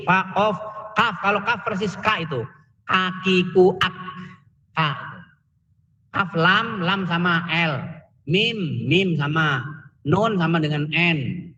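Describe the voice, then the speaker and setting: Male tajwid teacher, higher voice, long echo on a dull line. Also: bright, forceful tone. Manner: drills letter sounds, joking asides. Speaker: Quran recitation teacher. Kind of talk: online tajwid lesson.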